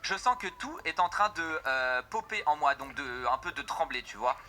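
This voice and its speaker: A man's voice: on the high side, lively intonation, normal speed, pushed and bright, slight background noise. A man reading aloud the first-person lines of a young woman character in a game, describing what she feels after each potion. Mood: dizzy, strained.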